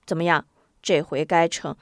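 A woman voicing a cheeky, clever little village girl who teases and bosses the others in a shrill voice. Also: steady tone, moderate pace, dry recording, studio quality. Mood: teasing. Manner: shrill, teasing and bossy.

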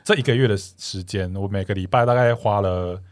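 A man's voice: on the low side, fairly quick, dry recording, studio quality. A young man hosting a casual podcast chat, telling stories animatedly, acting out quoted lines with many restarts. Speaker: podcast host.

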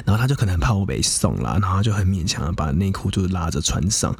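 A man's voice: sits low, animated, fast talker, breathy edge, dry recording. A young adult man, hosting a podcast and casually telling a personal story in a frank, profane, chatty way full of fillers. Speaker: podcast host.

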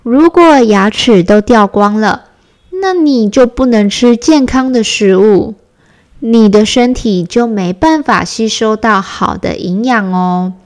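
A woman's voice: fairly high pitch, takes it slowly. Woman voicing a caring mother bear. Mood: gently instructive. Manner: kind, gently scolding.

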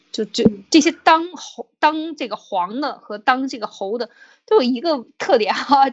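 Podcast host lady telling an old story, kinda high voice, lots of fillers and restarts. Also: lo-fi sound. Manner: retells an old tale with many fillers and restarts, quoting figures in her own voice. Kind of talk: storytelling commentary.

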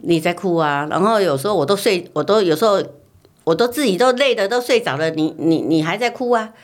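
Woman, middle-aged mother, lively swooping pitch, slightly low voice, repetitive storytelling. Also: brisk. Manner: animated storytelling, repeats words, acts out her own past lines. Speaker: mother recalling her child's infancy. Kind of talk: casual family chat.

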